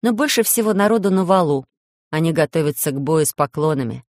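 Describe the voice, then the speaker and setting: Woman narrator, audiobook, low voice, lively storytelling, dry close sound. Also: fast, no room sound. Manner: expressive storytelling.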